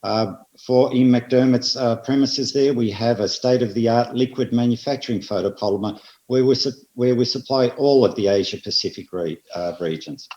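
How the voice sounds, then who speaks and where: Australian man giving a measured seminar talk. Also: medium pitch, darkish tone. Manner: measured, with emphatic repeated phrases. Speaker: industry presenter. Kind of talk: seminar presentation. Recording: roomy, slightly dull audio.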